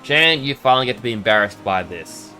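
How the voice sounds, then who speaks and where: A man chatting casually as a livestreamer, in an animated, theatrical and chatty manner while he plays a game. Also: medium pitch, a little fast. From Australia. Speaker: livestreamer, VTuber. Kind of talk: casual gameplay stream chat with read-aloud game dialogue. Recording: music behind the voice.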